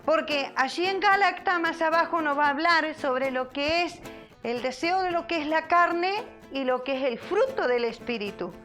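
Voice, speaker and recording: A woman pastor giving a sermon in an earnest preaching manner, repeating key phrases and pausing between them. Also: sits high, fairly bright tone, soft background music. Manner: earnest preaching with repetitions and pauses.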